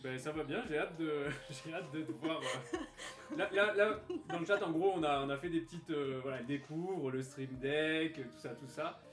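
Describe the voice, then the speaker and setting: A man co-hosting a live stream, chatting and explaining in a relaxed way, often laughing as he talks. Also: a little high, moderate pace, faint music behind. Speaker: streamer co-host. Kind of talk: casual live stream chat. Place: bedroom studio. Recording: roomy bedroom echo.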